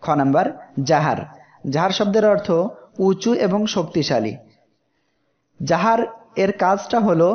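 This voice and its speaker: A man teaching Quranic pronunciation in a slow, explanatory way, drawing out letter sounds as examples. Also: high voice, lo-fi sound. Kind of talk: tajweed lesson.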